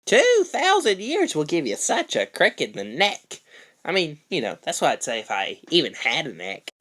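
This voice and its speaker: A man's voice: fairly high pitch, huge pitch swings, moderate pace, fairly bright tone, slight background noise. A man voicing a sarcastic banana comedian. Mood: snarky. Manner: sarcastic, fourth-wall jokes. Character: wisecracking male talking banana comedian. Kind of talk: fan cartoon parody voice acting.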